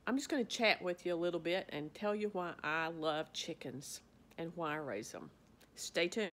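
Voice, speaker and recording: A woman's voice: fairly low pitch, moderate pace. A middle-aged woman, talking casually to her phone camera in a small indoor office. She speaks in a folksy, rambling way, often restarting or trailing off. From Arkansas. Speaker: vlogger, physician and farmer. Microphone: phone camera up close.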